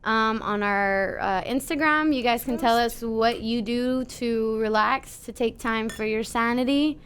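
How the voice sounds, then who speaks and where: A woman's voice: fairly high pitch, unhurried, slight background noise. A woman co-hosting a podcast, chatting casually and prompting her guest, with frequent "like" and "um". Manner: relaxed, uses "like" and "um" a lot, prompting the guest. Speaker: podcast co-host. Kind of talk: casual chat.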